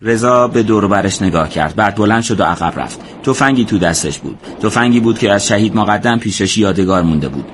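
A man narrating a war story as scripted audiobook narration, in a steady, measured way. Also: on the low side, a little hiss or hum.

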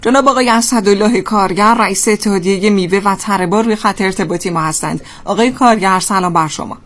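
A woman's voice: mid-range voice, fairly bright tone. A woman hosting a live radio magazine, speaking in a polite, formal way to guests and listeners. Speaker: radio host.

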